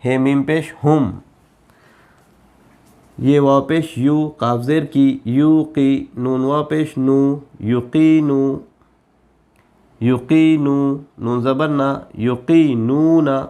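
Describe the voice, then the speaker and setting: Man slowly spelling out Arabic syllables. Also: medium pitch, steady tone, dark tone, clean tone. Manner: spells out syllables slowly, then speeds up to explain rules. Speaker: Quran reading teacher. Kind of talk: slow letter-by-letter spelling lesson.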